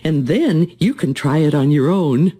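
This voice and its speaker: A woman's voice: low voice, lively intonation, unhurried, mellow, husky, heavily acted. A woman voicing a prim, nervous middle-aged pufferfish driving teacher in a cartoon game, patient but fretful and matronly. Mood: encouraging, uneasy.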